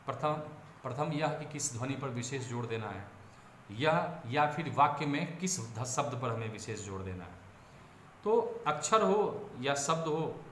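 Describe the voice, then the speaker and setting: Male lecturer, mid-pitched, explanatory delivery with self-corrections and stressed example words, in a roomy space with faint background hum. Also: fairly bright tone. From India. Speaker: education lecturer. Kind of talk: classroom-style lecture. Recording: roomy echo, faint ambience.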